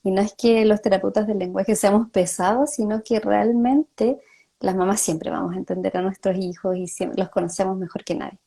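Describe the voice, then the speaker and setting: A woman speech therapist talks through a live-streamed chat. Her voice is mellow and low in brightness, with a gravelly fry. She explains patiently and slips into the voices of the parents she quotes. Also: steady tone, normal speed. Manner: explanatory, acts out parents' words.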